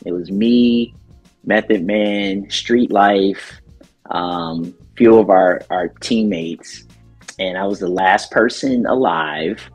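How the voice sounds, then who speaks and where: A middle-aged man talking casually in an interview about his radio work, relaxed and rambling, with plenty of ums. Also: low-pitched, slow, soft background music. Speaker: DJ and radio station owner.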